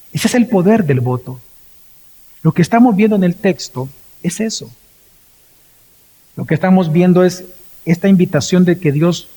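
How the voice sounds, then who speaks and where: Salvadoran pastor preaching in a reverberant hall. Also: male voice, mellow, slightly rough. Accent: Salvadoran Spanish. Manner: storytelling with acted quotes and swings in pitch. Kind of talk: sermon. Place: church. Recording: long reverb of a church hall.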